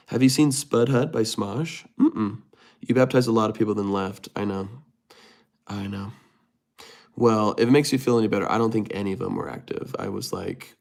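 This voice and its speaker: A man with a low, gravelly, darkish voice hosts a casual livestream, reading viewer comments aloud and rambling through his answers with many restarts.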